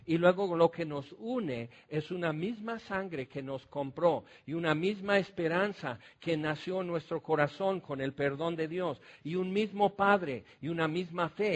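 Mexican pastor, man, high-pitched, animated anecdotal sermon style, quizzes the congregation. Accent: Mexican Spanish. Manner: animated storytelling, asks the congregation questions. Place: church.

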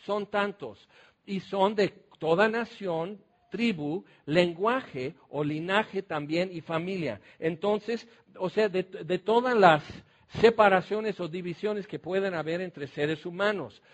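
Mexican pastor, man, high-pitched, animated anecdotal sermon style, quizzes the congregation. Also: slow pace. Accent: Mexican Spanish. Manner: animated storytelling, asks the congregation questions. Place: church.

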